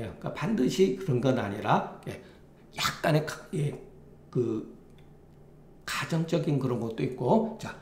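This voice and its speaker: A man teaching a classical Chinese text as a lecture, talking in a halting way with many restarts and fillers. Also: mid-range voice, vocal fry, darkish tone, roomy sound.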